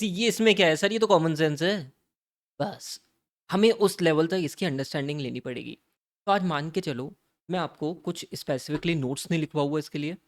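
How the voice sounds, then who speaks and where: A man teaching auditing in an exam-prep lecture. He asks his own questions and answers them, and draws key terms out slowly. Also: fairly high pitch, dry recording, clean studio sound. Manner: calls students "beta" and "bhai", coaxing and playful.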